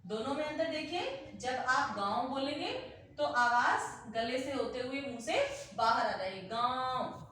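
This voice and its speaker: A woman teacher explaining a grammar lesson slowly, repeating example words aloud to demonstrate. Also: high voice, expressive, a bit bright, a little hiss or hum. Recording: very echoey room, heard from a distance.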